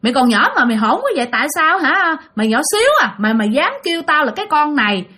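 A woman's voice: fairly high pitch, animated, brisk, a bit bright. A woman voicing a frightened young woman who talks back to a ghost. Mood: angry. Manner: angry, then pleading.

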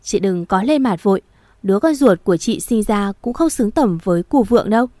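A woman's voice: mid-range voice, lively intonation, a little fast, mellow, dry recording, clean studio sound, close to an everyday voice. A woman voicing a spiteful young pregnant mistress who mocks and provokes, in a storybook reading. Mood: taunting. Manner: mocking and provocative.

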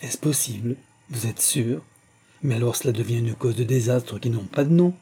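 An earnest young hero, as a reading man voices him, questioning and unsettled. The voice is dark and husky, close to the reader's own, in an audiobook. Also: medium pitch, fast talker, lightly acted. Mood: worried.

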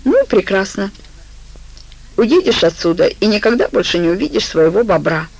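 A woman's voice: medium pitch, lively intonation, normal speed, creaky, a little mellow, low-quality recording. A woman voicing a cunning, manipulative woman who talks in a soothing, persuasive way. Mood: coaxing.

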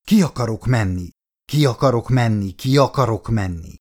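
A man's voice: medium pitch, animated, a little mellow, natural voice. A man reading the lines of a frantic woman who obsessively repeats her wish to go outside, in an audiobook. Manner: repeating one phrase obsessively.

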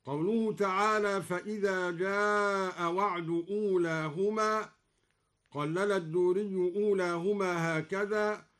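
A man explaining Quran recitation variants, alternating measured explanation with slow melodic chanted examples, from a live radio broadcast. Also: high voice, steady tone, fairly bright tone. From Egypt.

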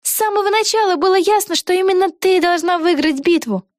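A woman's voice: very high-pitched, a little fast, no room sound, studio quality, voice pushed up. A woman voicing a young girl witch who insistently urges her best friend on, as in a storybook read aloud. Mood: urging. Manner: insistent, encouraging.

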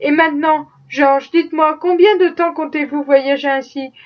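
A woman's voice: sits high, steady tone, moderate pace, lo-fi sound, natural voice. A woman voicing a kindly, fretful old male factory owner with flustered, fatherly concern.

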